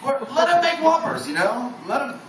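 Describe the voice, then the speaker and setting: A man performing a stand-up comedy set in a bar lounge, animated and chuckling through his own lines. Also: very high voice, normal speed. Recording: echoey room from far off, noisy crowd.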